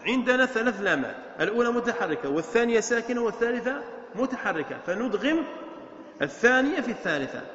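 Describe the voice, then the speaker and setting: A man's voice: extremely high pitch, very animated, fast, a bit bright, a little hiss or hum. A man, a sheikh, teaching a classroom lesson on Arabic morphology, quizzing students with questions and repeating key points. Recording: echoey, dull lecture-hall recording.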